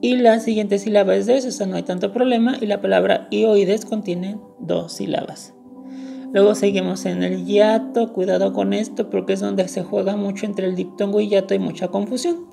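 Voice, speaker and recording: Woman teacher doing a recorded lesson, real gravelly voice, patient, goes step by step, fixes her own slips. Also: medium pitch, fairly even intonation, moderate pace, music in the background. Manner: patient, explanatory, with small self-corrections. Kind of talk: recorded lecture to students.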